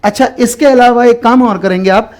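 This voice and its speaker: A man with a fairly high voice teaching an exam-prep grammar lesson as he writes on a board. He goes over the definitions patiently and repeats the key terms. He asks the class a question and then answers it himself. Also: brisk, a little mellow.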